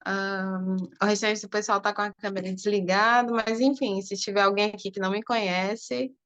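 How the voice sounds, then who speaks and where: Soft-spoken young woman from Fortaleza. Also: mid-range voice, little pitch movement, moderate pace, clean tone. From Fortaleza, Brazil. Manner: casual, many fillers like "né". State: sore throat, speaking softly. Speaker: guest speaker. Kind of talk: online class talk. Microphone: video call.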